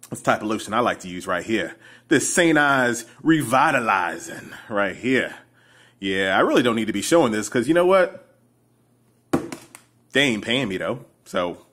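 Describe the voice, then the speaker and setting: A man talking casually and playfully to the camera in his home vlog, speaking slangy and straight to viewers. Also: mid-range voice. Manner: playful, animated, slangy, addresses viewers directly. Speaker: vlogger.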